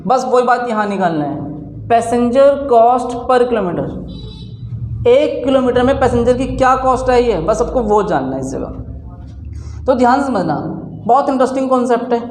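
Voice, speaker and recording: A man's voice: very high voice, animated, moderate pace, a little mellow, slight background noise. A man teaching a class, explaining step by step and posing questions to the students that he answers himself. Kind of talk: classroom lecture. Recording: roomy echo.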